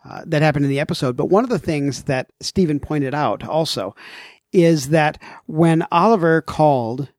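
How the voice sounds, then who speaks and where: A man's voice: on the high side, a little mellow, no room sound, clean studio sound. A man co-hosting a podcast, chatting casually in a jokey, rambling way with lots of fillers. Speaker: podcast co-host.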